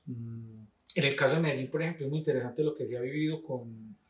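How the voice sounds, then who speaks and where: A man's voice: medium pitch, fast, recorded from a distance, muffled recording. A man, a teacher interviewing a guest in a thoughtful, rambling way. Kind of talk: conversational interview questions. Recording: roomy, off-mic sound.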